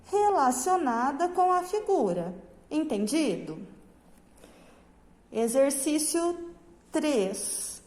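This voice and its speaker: Slow high-voiced woman teaching children. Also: big-room sound, low-quality recording. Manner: slow, drawn-out teacherly explanations with frequent check-ins. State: speaking through a face mask. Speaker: primary school teacher. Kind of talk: remote class lesson. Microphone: phone camera.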